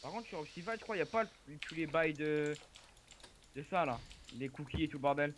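Higher-voiced young gamer. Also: male voice, fairly quick. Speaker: gaming teammate. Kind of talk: casual gaming voice chat. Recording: faint noise, keyboard and mouse clicks.

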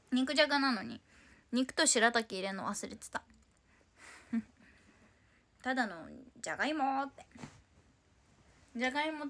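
A woman's voice: fairly high pitch, fairly bright tone. A woman in her twenties from Tokyo, hosting a casual solo livestream and chatting playfully in answer to viewer comments. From Tokyo, Japan. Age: 20s. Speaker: idol livestream host.

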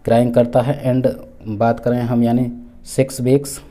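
A man's voice: medium pitch, flat delivery, moderate pace, mellow. A man giving an exam-prep lecture, repeating each point with terms in two languages, with many fillers and restarts as he explains. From India. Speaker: teacher for exam preparation.

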